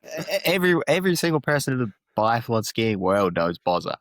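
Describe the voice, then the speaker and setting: A man's voice: medium pitch, very animated, fairly quick, no echo. A young man from New Zealand with a New Zealand accent, a podcast guest telling laid-back stories, swearing and laughing often. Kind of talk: casual chat.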